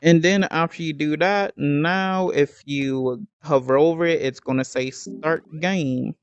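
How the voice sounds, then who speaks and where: Man, game building tutorial, slow and halting, hiccuping, smooth fairly high voice. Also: fairly even intonation, highs cut off. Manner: slow, halting, with many ums and restarts.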